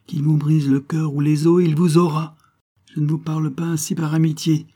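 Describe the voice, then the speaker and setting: A man's voice: on the high side, flat delivery, normal speed, warm tone, voice pushed up, lightly acted. A man reading an audiobook, voicing a furious young woman, a scorned former mistress, who speaks with passion and scorn.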